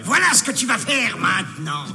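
A high, piercing old prophet, declaiming with grand, swooping exclamations. He booms from a reverberant cartoon clip with music behind him. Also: big pitch swings, normal speed. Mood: grandiose. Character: eccentric old male prophet, theatrical and grandiose. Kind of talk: cartoon dubbing.

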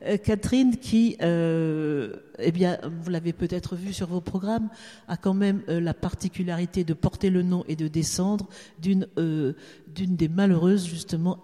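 A woman's voice: fairly low pitch, mellow. A woman moderating a live event, introducing a guest in hesitant, winding, digressive sentences. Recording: echoey hall with long reverb.

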